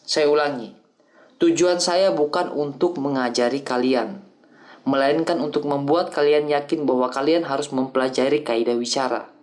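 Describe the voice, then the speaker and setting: A man reading the lines of an older male acting teacher who explains things calmly and patiently in an audiobook. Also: mid-range voice, normal speed, natural voice. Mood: instructive. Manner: calm, explanatory lecturing.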